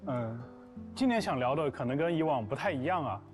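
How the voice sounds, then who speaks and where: A man with a fairly high, expressive voice talks briskly, presenting prepared material to players as a game developer. Plucked guitar music plays behind him.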